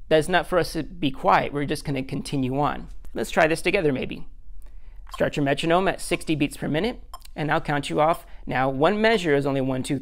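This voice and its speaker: A man's voice: fairly high pitch, creaky. A man as a music teacher, giving a recorded lesson step by step, counting beats aloud in a patient, self-deprecating way.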